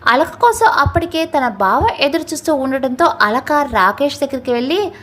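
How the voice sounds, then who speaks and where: A woman's voice: high-pitched, sing-song, normal speed, a bit bright. A woman narrating a romantic family story and reading every character's lines herself. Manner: reads all characters' dialogue herself, lightly shifting tone. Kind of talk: dramatic story narration in Telugu.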